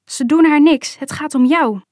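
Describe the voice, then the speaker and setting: An urgent, pleading mother fiercely protecting her children, as a woman narrator puts her on. Her voice sits fairly high and comes across dry and close, with no room sound. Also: normal speed, darkish tone, no room sound, lightly acted. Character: determined frightened mother, adult woman, protective.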